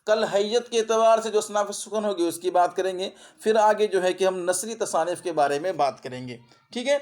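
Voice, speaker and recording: A man with an Indian Urdu accent teaches an exam-prep Urdu grammar lesson, repeating terms and asking his students quick checking questions. His voice sits high and is a little mellow.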